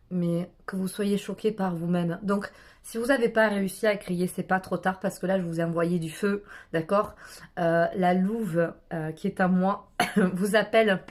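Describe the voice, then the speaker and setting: A woman guides a meditation aloud. She presses listeners with short repeated commands, and her voice climbs into shouts and wolf-like howls. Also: fairly low pitch. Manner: urging, repetitive, building to shouts and howls.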